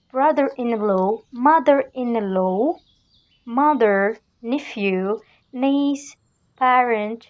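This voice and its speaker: A woman vocabulary in to a class, repeating each word several times and urging the learners to repeat after her. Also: on the high side. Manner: coaxes the class to repeat louder. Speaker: English teacher.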